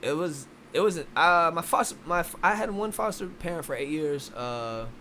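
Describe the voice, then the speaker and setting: A man's voice: fairly high pitch, lively intonation, normal speed, pushed and bright, a little hiss or hum. A young man from Philadelphia, a boxing coach guest in a casual podcast interview, rambling with many restarts.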